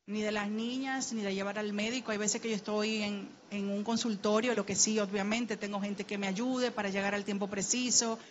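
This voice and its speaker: Her medium-pitched voice steady, her speed normal and pauses few, a Dominican woman in middle age tells a personal story on a panel in her Dominican Spanish accent. Heartfelt and earnest, she builds into urgent calls for the audience to act. The lo-fi recording carries slight background noise.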